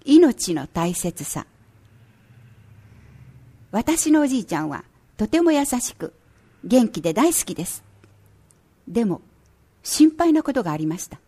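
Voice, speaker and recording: Gentle, mellow-voiced woman reading aloud. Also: on the high side, breathy edge. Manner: slow, measured, gentle reading. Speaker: radio announcer. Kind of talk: reading a prize-winning children's essay aloud.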